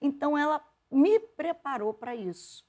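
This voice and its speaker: A Brazilian woman, a journalist and preacher, telling stories from her upbringing in an interview, lively and quick to laugh. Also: high voice. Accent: Brazilian Portuguese. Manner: lively, laughs often, quotes her mother in animated voices. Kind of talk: conversational interview storytelling.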